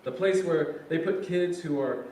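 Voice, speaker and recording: A man's voice: a little high, measured pace, mellow, close to an everyday voice. A man playing a grumbling, joking middle-aged son in a staged reading, casual and colloquial. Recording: echoey hall, distant mic, faint noise.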